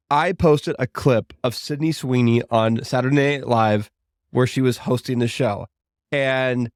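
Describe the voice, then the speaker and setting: A chatty, upbeat man in his thirties hosts a casual solo podcast from his home studio. He wanders into rambling asides and talks at a middling pitch. The sound is close and dry, with no room echo. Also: clear, resonant tone. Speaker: podcast host.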